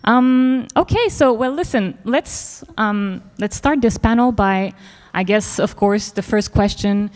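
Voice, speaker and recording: A woman's voice: mid-range voice, takes it slowly, darkish tone. A woman moderating a panel discussion, talking in a chatty way full of fillers. Her voice carries the long reverb of an event hall. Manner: chatty, many fillers, laughs easily.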